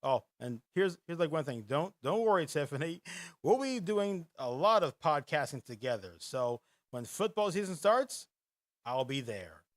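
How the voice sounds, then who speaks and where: Reading quiz questions and chatting on a casual live podcast, the host rambles and laughs often. His voice booms like a radio presenter's, moving at a moderate pace with big swings in pitch.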